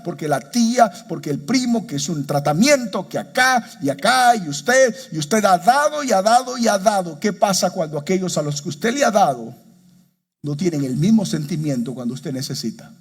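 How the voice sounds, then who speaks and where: Husky, impassioned male preacher. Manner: impassioned preaching, rises high and slows for emotional quotes; addresses congregation directly with repeated exhortations. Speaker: pastor. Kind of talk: sermon.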